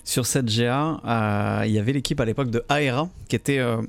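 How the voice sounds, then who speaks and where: A man's voice: medium pitch, a little fast, vocal fry, no echo. A man hosting a casual interview podcast, speaking in a chatty, teasing way. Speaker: podcast host.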